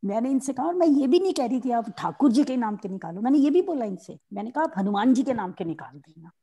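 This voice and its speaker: A woman's voice: a little high, animated, quick pace, mellow, husky. A woman visiting for advice, talking at length and complaining about her household. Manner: complaining, talkative. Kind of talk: casual conversation.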